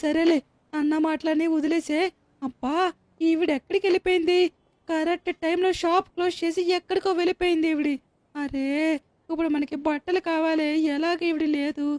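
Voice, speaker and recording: A woman with a Telugu accent and a very high voice narrates and plays a kind heroine in a game-video dub. She talks in a lively, emphatic way, recorded dry and close. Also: a little fast, no echo. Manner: lively, emphatic, talking to herself. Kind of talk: dubbed game-video role-play.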